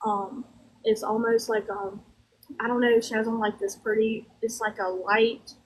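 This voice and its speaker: A woman with a Southern US drawl giving a conversational spirit reading in a folksy, halting way, often circling back over her words. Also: on the high side, flat delivery, breathy edge, low-quality recording.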